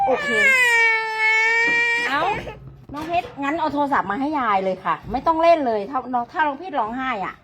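An older woman, a grandmother chatting playfully and coaxing her grandchild while cutting her hair, filmed at home. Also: sits high. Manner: coaxing, playful, often laughing. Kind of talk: casual vlog chatter.

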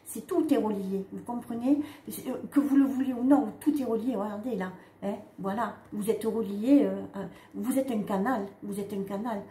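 Chatty woman medium, mellow voice. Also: mid-range voice. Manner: chatty, many "hein" and "d'accord" tags, halting restarts. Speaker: spiritual medium giving a card reading. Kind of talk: casual spiritual talk to viewers. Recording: echoey room with faint ambient noise.

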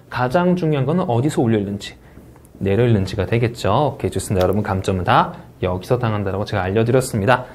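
A man, an English speaking test instructor, giving an exam review lecture in Korean with energetic, repetitive emphasis on key points. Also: mid-range voice. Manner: energetic, repeats key points, says "자" often.

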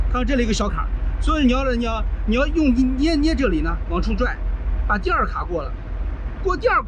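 A middle-aged Chinese trucker vlogger, his voice very high-pitched and fairly bright, bluntly walks through a truck repair step by step, swearing freely as he works. It's casual how-to commentary shot on a body-worn action camera in an outdoor truck yard, with slight background noise.

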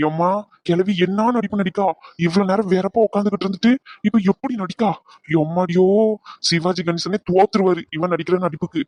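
A woman's voice: on the low side, fairly even intonation, a little fast, a little mellow, no room sound, close to an everyday voice. A woman voicing a blunt, scolding family man in a cartoon, with mocking remarks. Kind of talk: cartoon voice acting.

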